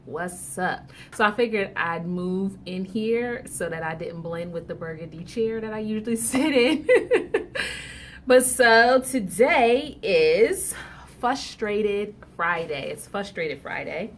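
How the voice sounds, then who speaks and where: A woman's voice: on the low side, animated, unhurried, a little hiss or hum. A mother hosting her own video blog from home, talking casually to camera in a slangy, chatty way and laughing often. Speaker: vlog host. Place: indoors at home.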